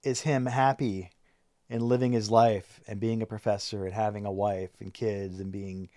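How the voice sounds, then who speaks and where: A man co-hosts a podcast and talks through his theories about a film in an analytical, casual way, often restarting his sentences. His voice sits at an ordinary pitch, recorded close with no echo. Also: level tone, normal speed, mellow. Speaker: podcast co-host. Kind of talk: casual chat about a movie.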